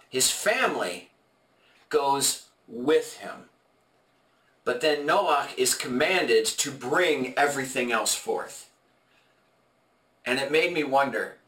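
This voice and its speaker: Halting man teaching a Bible study. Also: medium pitch, pushed and bright. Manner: halting and explanatory, many fillers and restarts. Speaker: podcast co-host leading a Bible study. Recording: echoey room, mic at a distance.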